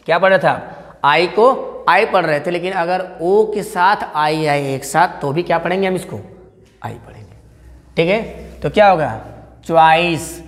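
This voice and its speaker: A man teaching an English pronunciation lesson in a classroom style, asking questions again and again and repeating example words. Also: a little high. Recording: long hall reverb.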